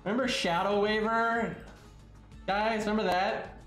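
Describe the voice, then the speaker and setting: Guy with a stuffed up nose chatting on a game stream, a bit high pitched, echoey room. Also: steady tone, unhurried, a bit bright, soft background music. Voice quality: congested, stuffy-nosed. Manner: rambling, chatting with viewers. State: sniffly, under the weather, mouth-breathing. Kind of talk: casual game stream commentary.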